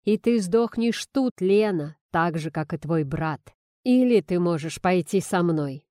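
A woman voicing a cruel, mocking male gang boss who speaks slowly and low, in a dry audiobook reading. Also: lively intonation, mellow, no room sound. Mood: sneering menace. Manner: slow, low, taunting.

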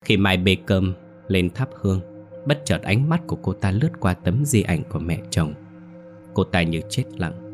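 A man narrating a scripted horror story in a steady, grave way. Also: low-pitched, moderate pace, faint music behind.

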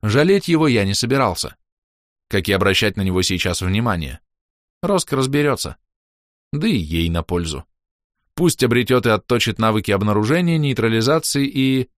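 A man's voice: fairly low pitch, very animated, moderate pace, no echo, clean studio sound. A man narrating a fantasy audiobook in the first person, reading expressively.

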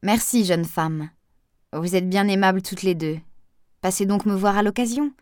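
A woman's voice: medium pitch, normal speed, darkish tone, dry recording, clean studio sound, close to an everyday voice. A woman voicing a gossipy elderly village woman who talks in a confiding, old-fashioned way.

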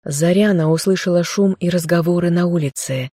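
A woman narrating a fairy-tale audiobook in a steady storytelling voice. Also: fairly low pitch, brisk, no room sound, clean studio sound.

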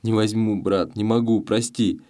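A man's voice: lowish voice, flat delivery, normal speed, dark tone, close to an everyday voice. A man voicing a humble, tearful young peasant in an audiobook, pleading meekly. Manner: pleading, meek. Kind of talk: audiobook character voice.

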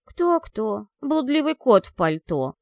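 A woman's voice: expressive, moderate pace, no room sound, clean studio sound. A woman voicing a weepy young werewolf girl. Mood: grumbling. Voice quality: tearful, gurgling voice. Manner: high, whiny, overwrought. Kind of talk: audiobook character voice.

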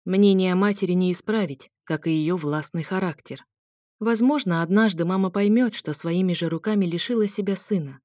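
Woman with a low voice narrating a story. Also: moderate pace, warm tone, no echo. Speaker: audiobook reader. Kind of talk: first-person audiobook narration. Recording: dry close recording.

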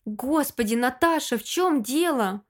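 A harsh, impatient young man in a storybook reading, snapping his words short, read by a woman. His voice sits rather high for a man. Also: expressive, measured pace. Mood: alarmed. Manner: curt, snapping.

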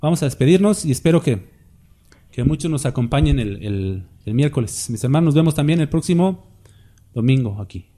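A man's voice: fairly high pitch, expressive, a little fast, warm tone. A man preaching a sermon as pastor, asking rhetorical questions and closing with a spoken prayer.

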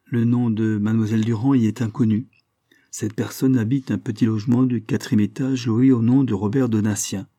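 A man's voice: fairly low pitch, steady tone, moderate pace, warm tone, dry recording, natural voice. A man voicing a dogged male police inspector who gives matter-of-fact, precise reports.

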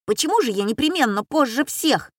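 A woman reading aloud, voicing an excitable schoolboy who keeps blurting out and interrupting. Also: sits high, fairly quick, slightly rough, dry recording, clean studio sound, pitched above the performer's own voice. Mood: impatient. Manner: impatient, blurting.

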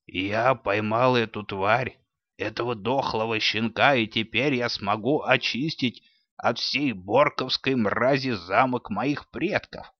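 A man's voice: mid-range voice, slow, no room sound. A man voicing a stern, menacing robber chieftain father in a dull, dry recording. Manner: menacing, gruff.

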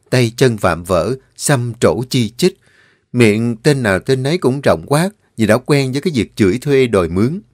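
A man narrating a story in a steady, vivid manner. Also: medium pitch, no echo. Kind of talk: scripted audiobook narration. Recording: dry voice with faint music.

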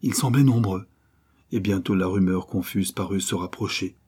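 Husky low-voiced male storyteller. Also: normal speed, a little mellow. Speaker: audiobook narrator. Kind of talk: scripted narration.

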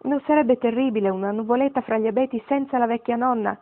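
A woman's voice: fairly high pitch, quick pace, pitched above the performer's own voice, close to an everyday voice. A wry, tender great-grandmother from a storybook, musing over the old days, as a woman reads her part. The sound is narrow and phone-like. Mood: wistful.

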